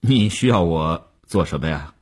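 A man voicing a powerful middle-aged company chairman in an audiobook, speaking in a measured, unhurried way with a husky voice. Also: deep voice, expressive, darkish tone, voice pushed down. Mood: calm.

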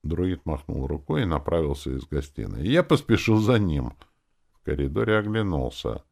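A man narrating a fantasy audiobook in the first person, wry and expressive. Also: very deep voice, moderate pace, vocal fry.

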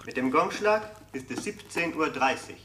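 An actor playing a radio announcer in a radio play, reading the time in a formal, measured way through a radio effect. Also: male voice, fairly high pitch, lively intonation. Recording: echoey, noisy radio broadcast.

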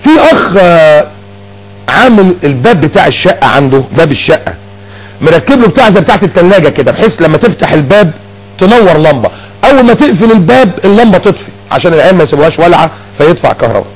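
A man's voice: on the high side, sing-song, rapid-fire, low-quality recording. A man preaching a colloquial sermon in an Egyptian accent, dramatically acting out dialogues in shifting voices. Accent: Egyptian Arabic.

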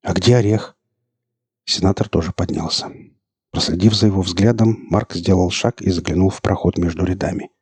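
Man narrating a novel, very low pitch, husky voice, dry close sound. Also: fairly even intonation, brisk, darkish tone, no echo. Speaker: audiobook narrator. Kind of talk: scripted narration.

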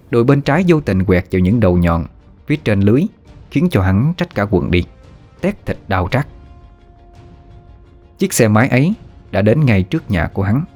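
Man, low voice, steady horror story narration, faint music underneath.

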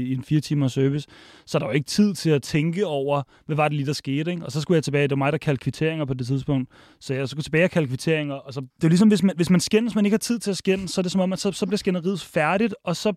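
Man telling a kitchen story, animated. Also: a little high, no room sound, studio quality. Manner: animated, restarts, acts out quotes. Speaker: podcast guest, restaurant worker. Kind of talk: casual storytelling.

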